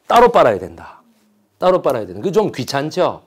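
A man giving a storytelling history lecture, animated and jokey, often asking his audience questions and acting out quotes. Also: medium pitch, fairly quick, slightly rough. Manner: slips into dialect when quoting figures.

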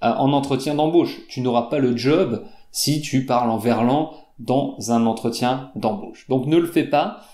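A man teaching French, explaining slang slowly and patiently to learners, repeating examples and asking "d'accord?" with frequent fillers. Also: mid-range voice, warm tone, reverberant.

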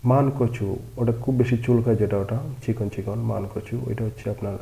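A man's voice: on the low side, steady tone, brisk, vocal fry, dark tone, low-quality recording. A man teaching vocabulary, patiently spelling out each word letter by letter. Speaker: language teacher. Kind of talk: spelling out words in a vocabulary lesson.

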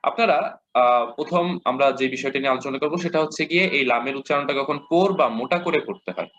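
A man with a Bangladeshi Bengali accent teaching a lesson, patiently repeating examples and modeling slow recitation. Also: mid-range voice, fairly bright tone, slight background noise. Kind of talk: explanatory lesson. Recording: dull lo-fi audio.

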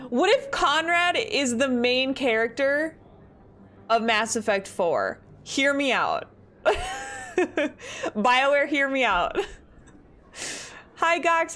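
Brief: giggly young woman live-streaming, high, bouncy voice, headset mic. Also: fairly bright tone. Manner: giggly, bubbly, self-deprecating. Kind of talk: casual live-stream chat while gaming. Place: home apartment.

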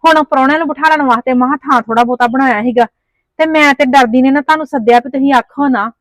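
Fast and a bit bright, her high voice comes through on a dry recording. She's acting as a poor mother with in-laws staying over, begging a neighbour humbly and grumbling under her breath in a Punjabi village family drama.

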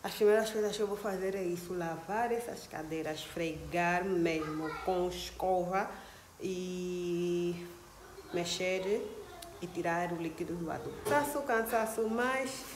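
A woman's voice: lowish voice, a little slow. Young woman, chatty home vlog, worn out, phone mic with audible background noise. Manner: chatty, addresses viewers as sisters. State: tired. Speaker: vlogger. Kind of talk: casual chat to camera. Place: apartment and plant-filled balcony. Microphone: phone at arm's length.

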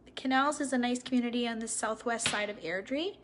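A woman's voice: on the high side, background noise. A woman, a real estate agent giving a live virtual tour, walking through a house and talking upbeat and admiring into a handheld phone. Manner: upbeat, admiring, slow and deliberate. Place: large house indoors, walking room to room. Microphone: phone held at arm's length.

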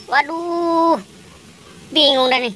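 A woman voicing an excitable boy clown who talks fussily and exclaims a lot. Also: sits high, slow pace, slight background noise, exaggerated voice. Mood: fretful. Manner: fussy, loud, exclaiming.

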